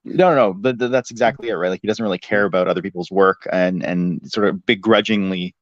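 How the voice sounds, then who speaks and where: A man's voice: low-pitched, fast talker, dry recording, highs cut off. A man co-hosting a casual fan chat, speaking hesitantly with many fillers.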